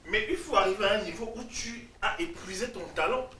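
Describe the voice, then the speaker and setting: Male guest speaker, high bright voice, echoey room, distant mic. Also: fairly quick, slight background noise. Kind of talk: faith testimony.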